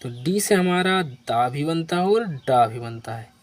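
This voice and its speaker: Slow, patient male spelling teacher. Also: on the high side, lively intonation. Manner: spells letters one by one and asks the viewer to repeat. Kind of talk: slow spelling lesson for beginners.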